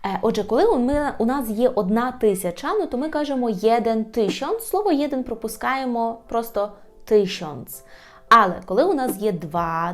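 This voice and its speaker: A woman teaching a language lesson, explaining patiently, often asking "right?" and repeating words slowly. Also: medium pitch, darkish tone.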